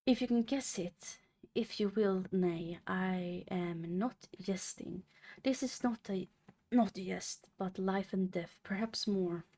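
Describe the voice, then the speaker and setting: A young woman streamer reading a classic novel aloud on a live stream. She reads haltingly, stumbling over and restarting words. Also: medium pitch, warm tone.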